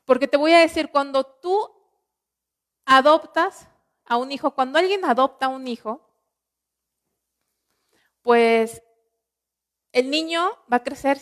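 Delivering a sermon in an earnest teaching style, a preacher with a high voice and Mexican Spanish accent poses rhetorical questions to the congregation and stretches out the scripture verses slowly.

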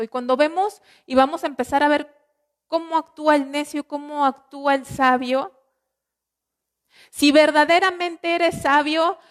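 A woman with a Mexican Spanish accent preaching a sermon in an earnest teaching manner, asking rhetorical questions and slowing down on scripture. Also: high-pitched.

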